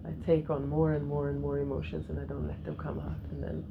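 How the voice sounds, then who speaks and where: A middle-aged woman leads a spiritual yoga lesson for a class, her voice sitting a little low. She speaks gently, repeats her key phrases and laughs softly now and then. Faint room noise hums behind her. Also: big pitch swings, fairly quick, narrow, tinny audio. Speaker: yoga teacher.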